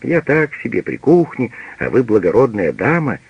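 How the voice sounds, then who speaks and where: A man's voice: mid-range voice, very animated, normal speed, gravelly, breathy edge, dry recording, exaggerated voice. A man voicing an old, embittered female servant who speaks bluntly and accusingly, on a dull radio recording. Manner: accusing, bitter.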